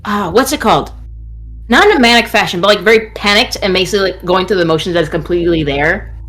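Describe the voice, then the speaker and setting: A woman's voice: mid-range voice, quick pace. A woman playing a tabletop game, chatting casually and hesitantly as she improvises her character's actions. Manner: animated, hesitant phrasing with repeated "like". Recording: faint music behind the voice.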